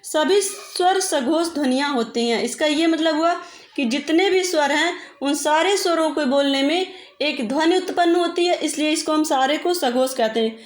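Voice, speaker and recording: A woman's voice: high-pitched, normal speed, reverberant. A woman teacher giving a patient grammar lesson, stretching out example vowel sounds as she explains.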